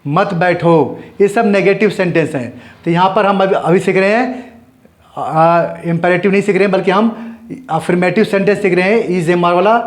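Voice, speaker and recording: A man teaching an English grammar lesson, explaining step by step and answering his own questions. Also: high-pitched. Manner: spells out letters slowly and repeats words.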